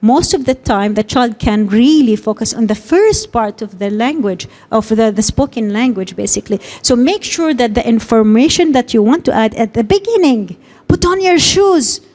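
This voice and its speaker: A woman's voice: fairly high pitch, expressive, normal speed, few pauses, dark tone. Woman giving a conference talk. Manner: explains with many acted examples of parent talk. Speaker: speech and language consultant.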